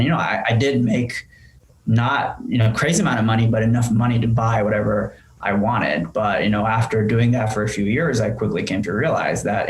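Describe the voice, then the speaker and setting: A man's voice: lowish voice, low-quality recording. Man telling his story, full of ums. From Japan. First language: Japanese. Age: 30s. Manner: thoughtful, with frequent ums and restarts. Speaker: entrepreneur guest. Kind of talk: casual conversational storytelling.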